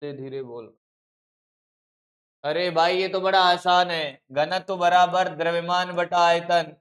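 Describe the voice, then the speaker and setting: A male teacher with a notably high voice runs an online practice session. He talks slowly and deliberately, swinging between teasing scolds and coaxing encouragement as he works through problems. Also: steady tone, fairly bright tone. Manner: brisk, scolding and coaxing, calls students "beta". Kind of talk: live online exam-practice class.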